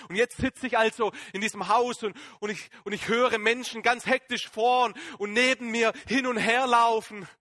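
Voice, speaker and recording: A man playing the Apostle Paul in a dramatic first-person sermon, emotional and halting, moving between excited outbursts and hushed awe. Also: high-pitched, no room sound, studio quality. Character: Apostle Paul as a man, shaken and fervent, recounting his conversion.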